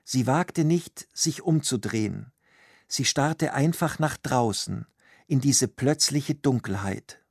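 A man calmly narrating a story in measured, scripted narration for language learners. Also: mid-range voice, gravelly, slightly rough, no room sound, studio quality. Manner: calm, measured.

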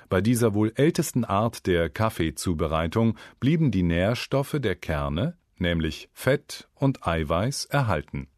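A man giving scripted educational narration for a language-learning program, in a lively storytelling manner. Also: on the low side, no echo, studio quality.

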